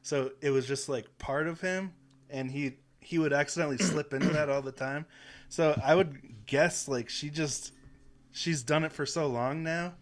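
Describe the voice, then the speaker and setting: A man from Wisconsin co-hosting a podcast, retelling a story in a relaxed way with chuckles. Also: fairly high pitch, moderate pace. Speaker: podcast co-host. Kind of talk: casual chat.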